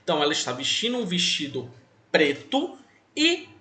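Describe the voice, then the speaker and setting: Young male teacher, high and sing-song, patient step-by-step explainer, roomy echo. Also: wildly swooping pitch, moderate pace, bright, forceful tone. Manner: patient, repeats and spells out rules step by step. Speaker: English teacher. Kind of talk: online class lesson for children.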